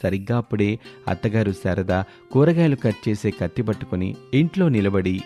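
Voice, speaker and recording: Low, dark-voiced male storyteller. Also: expressive, fairly quick, soft background music. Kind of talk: scripted story narration.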